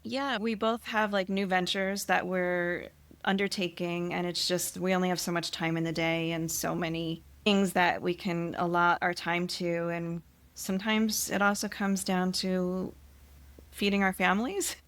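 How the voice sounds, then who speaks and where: A woman's voice: lowish voice, level tone, measured pace, fairly bright tone, dry recording. A woman co-hosting a travel podcast in casual chat, chatty, laughing often and trailing off mid-sentence. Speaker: podcast co-host.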